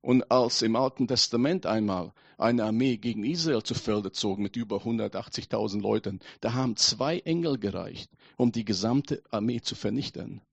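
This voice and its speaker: A man preaching a sermon, reading scripture aloud and sinking to a hushed voice for emphasis. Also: fairly low pitch, normal speed, creaky, few pauses, no room sound, highs cut off.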